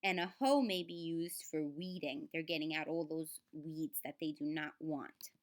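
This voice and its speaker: A woman with a deep voice reads a children's book aloud at a moderate pace, teaching as she goes. She speaks directly to the children, adds simple explanations, and sounds out words.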